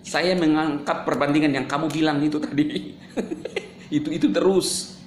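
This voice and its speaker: Animated sarcastic man in an echoey room. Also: on the high side, normal speed, a little hiss or hum. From Indonesia. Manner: animated, sarcastic, jumps between shouting and mumbling. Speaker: video creator answering critics. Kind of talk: casual monologue to camera.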